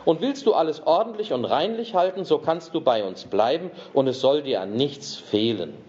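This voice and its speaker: A man reading out the seven dwarfs, fussy little householders asking indignant questions, with a lively rise and fall. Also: a little high, normal speed, muffled recording, close to an everyday voice. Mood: businesslike. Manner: indignant questioning, read aloud.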